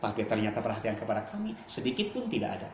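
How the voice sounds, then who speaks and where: A man preaching a storytelling sermon to a congregation in a dramatic, animated way. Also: on the low side, rapid-fire, slight background noise. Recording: echoey room, faint ambience.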